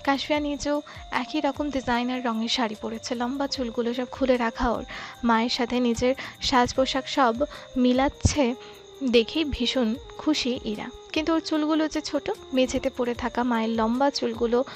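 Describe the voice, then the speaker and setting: A woman narrating a romantic audio story in a soft, steady storytelling voice. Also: high voice, normal speed, soft background music. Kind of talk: scripted narration.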